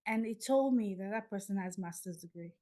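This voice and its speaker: A Nigerian woman in her fifties, a podcast guest telling her story in a lively way and acting out the dialogue. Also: mid-range voice, fairly quick.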